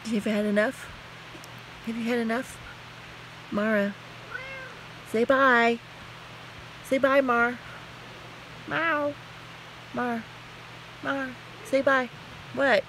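A woman's voice: on the high side, level tone, slow pace, long pauses, fairly bright tone, a little hiss or hum, rough recording. A woman at home filming her cat, talking to it in playful baby talk and mewing back at it. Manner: playful, laughing, coos and meows at the cat. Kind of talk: casual baby-talk to a pet. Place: home, indoors.

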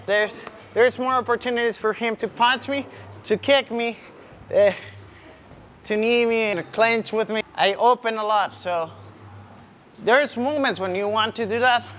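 His voice sitting high and slightly bright, a young-adult kickboxing coach shows punches while guiding through them step by step with brief cues. Background ambience from the large indoor MMA gym is clearly audible.

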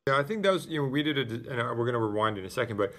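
A man's voice: mid-range voice, animated, rapid-fire, a bit bright. A man interviewing a guest, agreeable and rambling, with lots of "you know". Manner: agreeable, rambling, many fillers. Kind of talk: casual interview.

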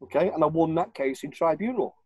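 A man's voice: on the high side, brisk, slightly rough, dry recording, poor audio. An older man with a northern English accent, speaking emphatically as a guest on a home video call. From Warrington, northern England. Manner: emphatic, insistent, repeats his points. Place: living room at home. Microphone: webcam on a video call.

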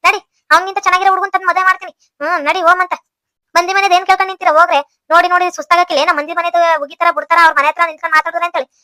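A woman's voice: extremely high pitch, flat delivery, pushed and bright, no room sound, clean studio sound. A woman voicing quarrelsome village women in a cartoon, scolding with a North Karnataka Kannada accent. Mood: bossy. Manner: scolding, rapid-fire quarrelling. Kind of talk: cartoon voice acting.

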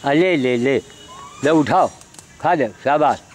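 A man's voice: medium pitch, slow, noisy background. A man vlogging outdoors while handing out mangoes to animals, coaxing them, shooing them off and chatting to the camera. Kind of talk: outdoor handheld vlog narration. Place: outdoors, rural spot with animals.

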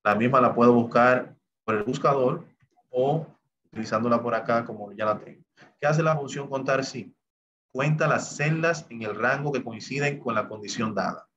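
Man, spreadsheet instructor, step-by-step explanation, talks through what the software does, slightly muffled audio, faint hiss. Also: medium pitch, normal speed. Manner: explains step by step, with repeated "bien" and "entonces". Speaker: Excel instructor. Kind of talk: recorded screen-share lesson.

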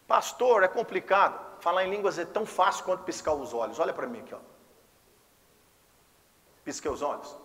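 A high, bright male voice with a Brazilian Portuguese accent delivers a fervent Pentecostal sermon. He swings from hushed, intimate passages to ringing exclamations. His voice carries a long reverb from a church hall. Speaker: pastor. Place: church service.

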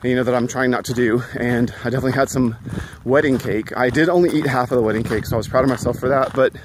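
A man's voice: medium pitch, fairly even intonation, fast, background noise. Earnest man vlogging while walking. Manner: chatty, earnest, many "you know" fillers. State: a little out of breath. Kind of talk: casual walking vlog. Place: outdoors at a school.

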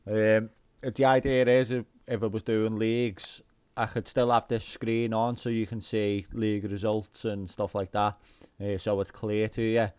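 A man hosts casually from his home rig with a smooth, clear voice. His delivery is monotone and informal, feeling its way through explanations. The recording is a little dull and muffled. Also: fairly low pitch, measured pace. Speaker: sim racing video host. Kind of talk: casual talk to viewers. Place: indoor home sim rig.

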